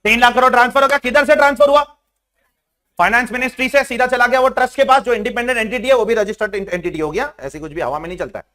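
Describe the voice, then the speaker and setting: Young male tax lecturer with a high voice, animated, pushes students to respond, mixes in English terms. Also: very fast. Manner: animated, keeps prodding students to answer. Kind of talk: classroom lecture. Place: classroom with online students joining.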